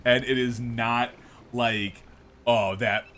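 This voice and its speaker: A man's voice: mid-range voice, takes it slowly, slight background noise. A man chatting casually on a game stream, telling stories animatedly, swearing and acting out dialogue. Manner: animated, swearing storyteller who acts out dialogue. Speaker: stream co-host.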